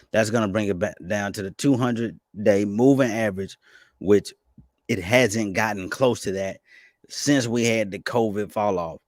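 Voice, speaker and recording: A man giving casual, fast-talking commentary on stocks and crypto, excitable and stumbling over restarts. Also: fairly low pitch, dry recording, clean studio sound. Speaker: finance YouTuber.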